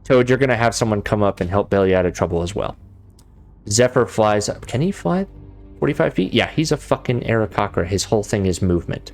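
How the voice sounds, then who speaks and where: A man's voice: on the low side, animated, fairly quick. A man runs a tabletop game as its game master, rambling casually through rules and action. Faint music plays behind his voice. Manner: casual, rambling, many fillers.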